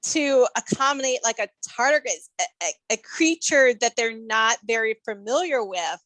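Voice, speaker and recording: A woman co-host with a slightly high voice talks through an episode in relaxed podcast chat. She thinks aloud, pausing with ums and restarting her sentences. The sound is dry and close. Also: no room sound. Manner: thoughtful, halting with many ums and restarts. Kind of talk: casual episode review chat.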